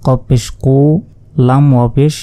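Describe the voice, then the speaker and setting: A man teaching Quran reading, spelling out Arabic syllables patiently and chanting each word slowly. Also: medium pitch, level tone, dark tone, dry recording. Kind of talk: spelling out Arabic letter by letter, slow recitation lesson.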